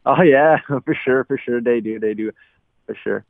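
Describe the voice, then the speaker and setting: Speaking by phone as a guest on a call-in radio show, a young Czech-accented athlete struggles through his answers in English, using lots of fillers. The line is dry and tinny with no echo, and his medium-pitched voice is creaky.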